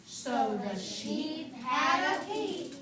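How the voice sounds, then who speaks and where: A woman teacher reading a picture book aloud to a class, slow and expressive, asking playful questions. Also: high-pitched, a loud crowd. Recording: echoey classroom from far off, noisy.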